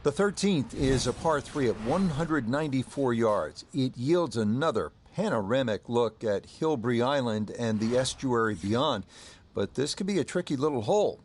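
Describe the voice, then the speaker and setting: A man playing a composed golf commentator in a video game, measured and informative in his delivery. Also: medium pitch, lively intonation, slight background noise, lightly acted. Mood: composed, approving.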